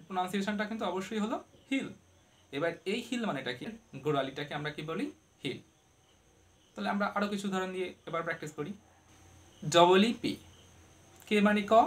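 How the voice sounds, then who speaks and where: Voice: medium pitch, fast talker, long pauses. A pronunciation teacher explaining step by step, often asking questions and mixing two languages, with playful asides. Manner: playful, gives vowels human traits; switches often between Bengali and English. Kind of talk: online pronunciation lesson.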